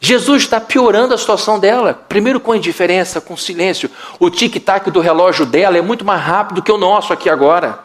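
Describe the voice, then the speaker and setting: A man's voice: sits high, fairly quick, few pauses. A middle-aged Brazilian man preaching a sermon as pastor, telling the story dramatically and acting out the voices in it. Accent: Brazilian Portuguese. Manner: dramatic storytelling, acts out quotes.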